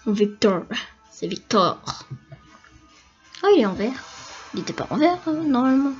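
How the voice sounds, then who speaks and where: Excitable high-voiced woman gaming. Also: unhurried, breathy edge. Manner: excitable, chatty, repeats words in bursts. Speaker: gamer. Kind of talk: casual gameplay commentary. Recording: dull lo-fi recording over game music. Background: loud game music.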